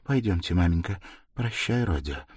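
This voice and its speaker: A man voicing a proud, quick-tempered young woman, the hero's sister. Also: low voice, animated, breathy edge, no room sound, clean studio sound. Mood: tense. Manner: hushed, frightened, then hot-tempered.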